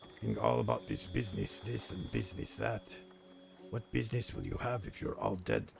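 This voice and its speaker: In an improvised online role-play, a man voices a grumpy old man, a weary and fatalistic veteran of a crime organization. The voice is low, heavily creaky and gravelly, delivered gravely and haltingly, yet the pitch moves around a lot. It's a very animated, full character voice over music, grave and resigned in mood.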